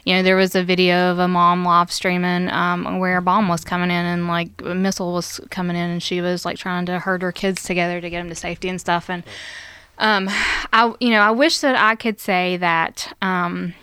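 Earnest woman with a smooth, lowish voice. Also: little pitch movement, moderate pace, fairly bright tone, no echo. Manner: earnest, thoughtful, many fillers. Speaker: church member, mother. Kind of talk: casual church podcast chat.

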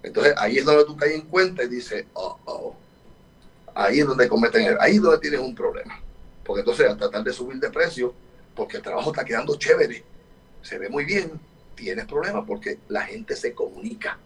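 A man's voice: mid-range voice, lively intonation, fairly quick, far from the mic, rough recording. Man speaking emphatically, off-mic. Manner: emphatic, repeats points, frequent fillers. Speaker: photographer and workshop teacher, guest. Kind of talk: casual interview talk.

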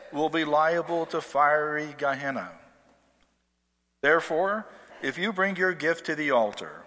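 A man's voice: fairly high pitch, a bit bright. A man giving a solemn, formal Gospel reading as clergy at a church service, with cathedral echo around his voice. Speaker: priest or deacon reading the Gospel. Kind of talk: liturgical scripture reading. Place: large church during a service. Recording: echoing church hall, long cathedral-like reverb.

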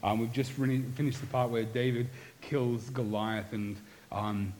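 Male pastor, middle-aged, earnest sermon delivery, mid-pitched voice, swings from lively to hushed. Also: measured pace, rough recording.

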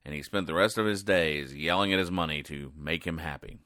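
A podcast host with a deep voice that has a bright, forward edge gives a casual comedic recap of newspaper comics, rambling and pausing in a deadpan way and talking a little fast. The sound is close and dry, with hardly any room sound and no echo.

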